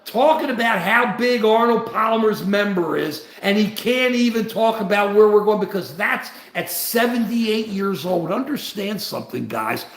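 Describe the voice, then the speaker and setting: A man's voice: high-pitched, moderate pace, gravelly, hardly any pauses, reverberant. Older man ranting on a livestream. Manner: rambling, repetitive and animated. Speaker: livestream host. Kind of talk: political livestream commentary.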